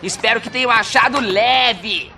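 An actor playing an easygoing, wisecracking zoo animal and star performer in an animated film. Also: male voice, very high voice, measured pace, gravelly, noisy background, exaggerated voice.

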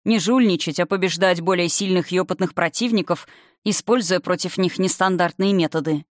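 A reader voicing the spirit of an older father, calm and condescending, who lectures with mocking haughtiness in an audiobook. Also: high-pitched, a little fast, dry recording, clean studio sound, lightly acted. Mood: lecturing. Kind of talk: audiobook character reading.

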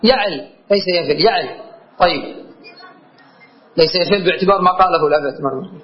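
A man's voice: high-pitched, brisk. A man teaching a grammar lesson, asking his students questions and repeating key words. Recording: dull lo-fi lecture recording.

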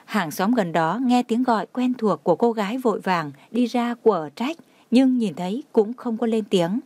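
A woman reading a story aloud in a steady, even narration. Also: on the high side, normal speed, no room sound.

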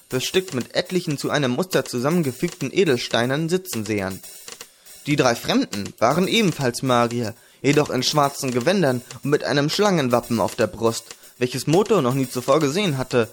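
A man narrating a fantasy audiobook in a measured, even reading. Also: mid-range voice.

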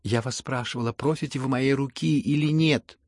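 A man reading an audiobook and voicing a proud, sharp young noblewoman with an imperious, teasing manner. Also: medium pitch, normal speed, no room sound, clean studio sound, pitched above the performer's own voice, lightly acted.

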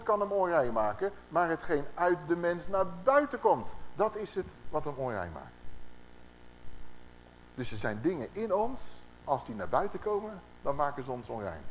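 Animated male preacher with a lively voice. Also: fairly high pitch, slight background noise, low-quality recording. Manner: animated, asks the audience rhetorical questions. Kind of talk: conversational Bible-teaching sermon.

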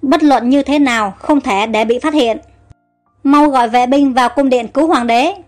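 A woman reading aloud as an anxious, scheming male court minister who speaks in hurried, fretful bursts. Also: sits high, soft background music, natural voice. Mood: worried.

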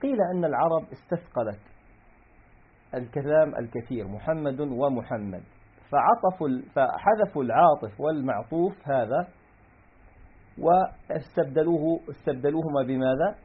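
A man's voice: on the high side, animated, normal speed, husky. A man giving a grammar lesson, reading a classical text aloud and then parsing examples step by step. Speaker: grammar teacher. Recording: tinny phone-like recording.

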